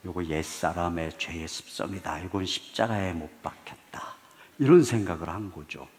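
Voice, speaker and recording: A middle-aged male pastor delivering a sermon, telling stories with loud bursts and hushed low lines. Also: moderate pace. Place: large church sanctuary. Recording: long church hall reverb.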